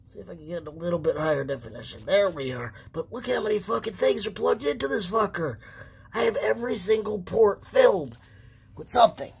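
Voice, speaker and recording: A woman with laryngitis, her voice lost to a hoarse, breathy, cracking whisper, grumbling and swearing sarcastically through a casual phone vlog. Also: mid-range voice, expressive, brisk, darkish tone. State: hoarse with laryngitis, occasional coughing. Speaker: gamer showing a home setup. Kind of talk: casual handheld vlog commentary. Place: small room at home with wooden floor. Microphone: handheld phone.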